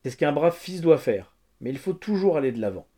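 A man reading the lines of a kindly older man who gently counsels a grieving child in a storybook reading. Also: on the high side, very animated, brisk. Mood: earnest. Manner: earnest, soothing counsel.

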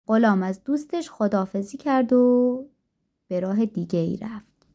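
A woman narrating a folk tale in a calm, gentle storytelling manner. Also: on the high side. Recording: dull lo-fi recording.

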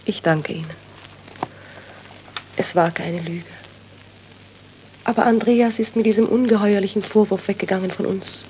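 An actress playing a grieving widow tormented by guilt, earnest and sorrowful, in 1930s radio-drama acting. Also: female voice, medium pitch, fairly even intonation, moderate pace, pauses often, dark tone, dull audio, slight background noise, close to an everyday voice. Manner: earnest, sorrowful, turns to anguished pleading. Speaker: doctor's friend's widow.

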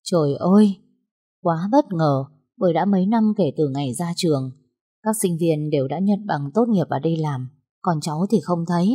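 A woman voicing a kindly older male school guard who exclaims loudly at first and then drops to a hushed tone. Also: low voice, normal speed, husky, no echo, clean studio sound. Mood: surprised, concerned.

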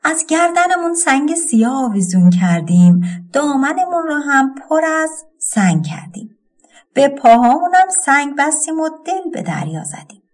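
A woman's voice: sits high, very animated, pitched above the performer's own voice. A woman voicing a young girl in a folk tale who anxiously warns and pleads with her brother. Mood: recounting.

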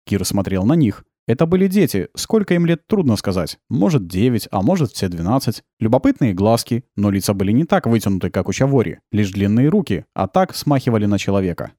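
Male audiobook narrator, mellow tone, animated delivery, dry booth sound. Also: on the low side, a little fast, few pauses, dry recording. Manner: calm, even storytelling, brightening for dialogue.

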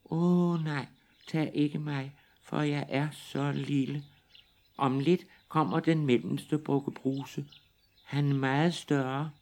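Little storybook billy goat, timid, thin high voice; a man plays it. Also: steady tone, a little mellow, natural voice. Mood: pleading.

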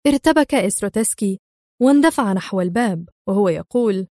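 A woman narrating a thriller audiobook in a measured, expressive storytelling voice. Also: mid-range voice, dry recording, clean studio sound.

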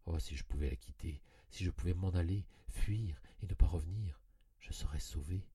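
A man's voice: low voice, moderate pace, warm tone, breathy edge, no room sound. A man giving a dramatic literary reading of a story in an intense, anguished storytelling manner, on a close studio mic. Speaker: audiobook reader.

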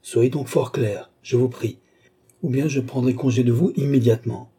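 A man voicing a haughty, weary older count who answers with calm, disdainful impatience. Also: mid-range voice, normal speed, husky, pitched above the performer's own voice.

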